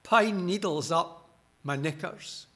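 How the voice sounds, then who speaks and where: A man's voice: sits high, slow, pushed and bright, heavily acted. A man voicing a cheeky, grumbling female fairy stuck on a Christmas tree, with a Scottish accent and a bawdy comic complaining manner.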